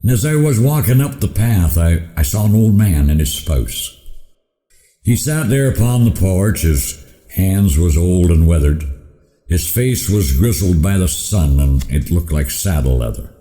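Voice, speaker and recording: A man's voice: sits low, big pitch swings, a little slow, mellow. A man with a folksy cowboy drawl, reciting a rhymed cowboy poem as a storyteller. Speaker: cowboy poet. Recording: roomy echoing hall.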